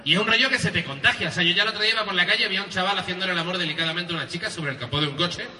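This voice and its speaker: An Andalusian stand-up comedian from Spain, speaking with his regional accent, rambles through a crude, self-mocking routine at a live comedy venue. His voice is high, very fast, pushed and bright, captured from a distance in a roomy space, with the audience laughing and applauding.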